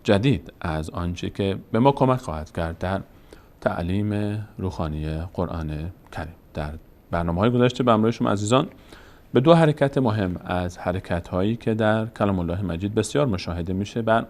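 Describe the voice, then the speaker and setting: A man's voice: lowish voice, a little mellow. A man with an Afghan Dari accent teaching Quran reading in a step-by-step lesson. He explains patiently and recites the alphabet letter by letter.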